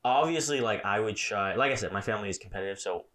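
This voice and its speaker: Young man, low-pitched, chatty storyteller who laughs easily. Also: fast, a bit bright. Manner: storytelling, laughs often, many fillers. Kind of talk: casual chat.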